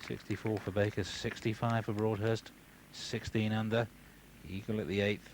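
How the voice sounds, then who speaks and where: Male golf commentator, lowish voice, measured and conversational live calls, clear background noise from the broadcast. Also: flat delivery.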